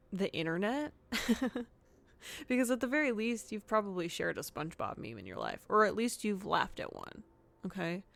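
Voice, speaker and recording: A woman's voice: on the low side, creaky. A woman hosting her own podcast in a casual solo chat, frank and giggly with lots of fillers. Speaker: podcast host.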